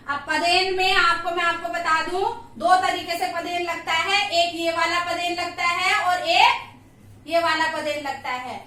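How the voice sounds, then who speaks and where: A woman's voice: very high-pitched, fairly even intonation, measured pace, bright, forceful tone, heavy reverb, recorded from a distance. A woman teaching grammar, patiently repeating sounds and asking checking questions. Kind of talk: classroom lesson.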